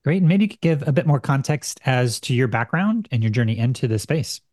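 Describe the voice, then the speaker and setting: A man's voice: medium pitch, animated, brisk, a little mellow, no echo, clean studio sound. A man hosting an interview podcast, casual and conversational, with loose phrasing. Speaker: podcast host. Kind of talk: podcast intro and interview questions.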